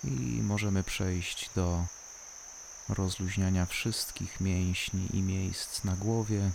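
Very slow, low-pitched guided relaxation voice. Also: gravelly, a little hiss or hum. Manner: calm, unhurried, soothing delivery with long pauses. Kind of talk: slow guided body-scan meditation.

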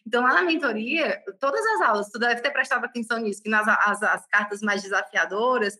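A woman with a high, bright voice speaks in an animated, casual way. She tells her stories with emphatic exclamations and shifting tones, like a tarot mentor talking with a friend. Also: brisk. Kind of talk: casual conversation.

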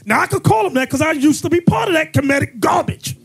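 A man acting as bishop and host, preaching in a fiery way, mocking and often shouting. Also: very high voice, animated, fast, vocal fry.

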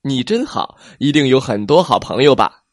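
A man's voice: mid-range voice, very animated, normal speed, no room sound, clean studio sound, natural voice. A man doing a kind, cheerful sea reptile. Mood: friendly.

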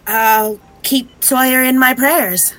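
An actress playing a gentle, concerned hospital visitor in an audio drama, sympathetic and hesitant. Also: female voice, sits high, steady tone, takes it slowly, poor audio.

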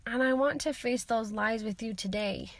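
Brief: young female podcast host, bright high voice, encouraging and chatty, a bit stuffy from a cold, close dry recording. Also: moderate pace, dry recording. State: has a summer cold. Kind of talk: solo self-help podcast talk.

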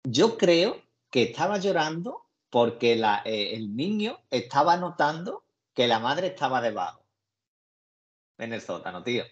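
A man's voice: mid-range voice, big pitch swings, measured pace. Chatty Spanish man, muffled recording. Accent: Spain Spanish. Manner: rambling, colloquial retelling of scenes. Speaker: podcast co-host discussing a series. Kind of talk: casual chat.

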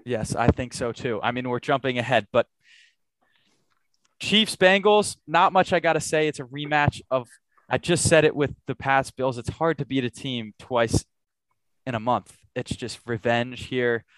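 A man's voice: medium pitch, a bit bright, dry recording. A man hosting a casual sports podcast, talking through his predictions with confidence. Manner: confident, quick to make picks. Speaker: podcast host.

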